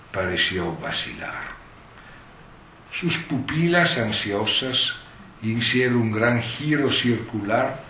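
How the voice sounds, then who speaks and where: A male lecturer with a lowish voice, reading a passage and working through it with frequent asides. The hall is roomy and echoing. He sits well back from the mic, and a faint murmur of room noise runs underneath. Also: bright, forceful tone, far from the mic. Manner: digressive, explanatory, with many asides. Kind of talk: lecture, reading and explaining a text.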